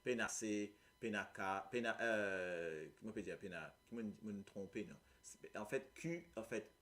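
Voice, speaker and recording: A man's voice: on the low side, moderate pace, a bit bright. A man with a Mauritian accent teaching a Creole lesson, explaining patiently and often checking that his listeners follow. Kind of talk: live language lesson.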